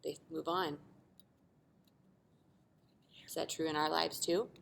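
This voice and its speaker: A woman with a low, gravelly voice reads a children's storybook slowly and with fairly even intonation, though she still adds teacher-like dramatic emphasis and asides for young listeners. A slight hiss or hum sits in the recording.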